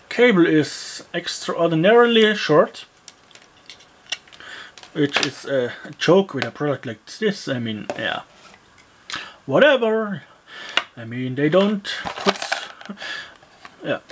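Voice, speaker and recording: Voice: medium pitch, sing-song, takes it slowly, long pauses, background noise. A person taking apart and reviewing a cheap gadget in casual, rambling commentary, full of fillers and grumbling asides. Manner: frequent fillers like yeah and uh. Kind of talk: casual product teardown commentary.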